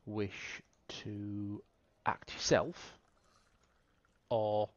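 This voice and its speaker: A man running an online tabletop game as game master, talking in halting bursts with many fillers. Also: fairly low pitch, flat delivery, dry recording. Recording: dull lo-fi mic.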